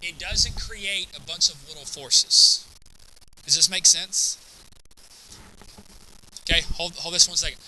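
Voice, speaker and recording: A man's voice: a little high, bright, forceful tone, a little hiss or hum, low-quality recording. A man teaching a chemistry class, lecturing and constantly checking in with students by asking "right?" and "okay?".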